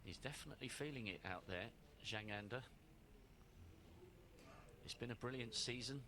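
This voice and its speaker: A man giving measured live snooker commentary in short phrases, with pauses between them. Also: mid-range voice, background noise.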